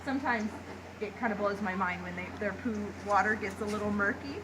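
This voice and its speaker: A woman's voice: medium pitch, fairly quick. A woman zookeeper, casual and enthusiastic, giving an informal educational talk to visitors in an outdoor yard. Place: outdoor animal enclosure yard. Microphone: camera a few steps away. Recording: noisy outdoor handheld recording.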